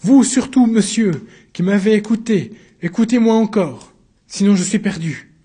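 A narrator puts on a desperate accused man fighting for his life before the judges, crying out in a raised, strained voice. The reading has a mellow, husky grain under the shouting. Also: sits high, expressive, a little slow, pitched above the performer's own voice, heavily acted. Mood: pleading. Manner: shouting, frantic, pleading.

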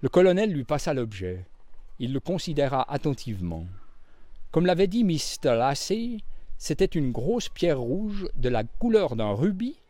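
A man narrating a storybook reading in an expressive, varied read-aloud voice. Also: fairly high pitch, unhurried, no echo.

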